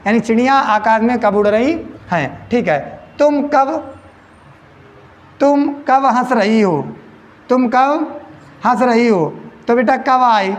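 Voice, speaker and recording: In a coaching classroom, a man with a very high-pitched voice teaches English grammar in Hindi, repeating each question back to his students and calling them beta. A little hiss or hum is present.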